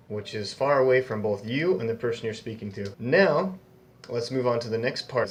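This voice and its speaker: A young man hosting a casual beginner Japanese lesson, chatty and upbeat, slowly repeating each new word for learners. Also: mid-range voice. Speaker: Japanese language teacher, channel host.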